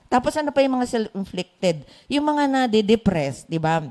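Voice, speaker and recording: A woman with a Filipino accent leading a Bible study, chatty and quick to laugh. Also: a little high, sing-song, a little mellow. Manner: chatty, laughs often, mixes in English. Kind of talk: Bible study sharing in Taglish.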